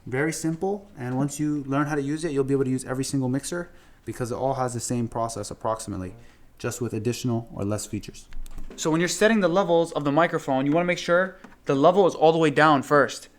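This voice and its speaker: A man speaks quickly in a slightly high voice. In his role as an instructor demonstrating audio gear, he gives an informal hands-on lesson, explaining things step by step in plain words and coming back to the main points more than once.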